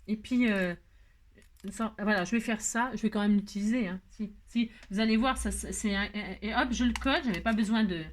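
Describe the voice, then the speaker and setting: A French woman hosting a crafting tutorial, chatting casually to viewers as she works, humming little tunes and scolding herself over slips. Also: a little high. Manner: chatty, talks to herself while working, hums little nonsense tunes; expressive, scolds herself when upset. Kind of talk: casual live crafting chat.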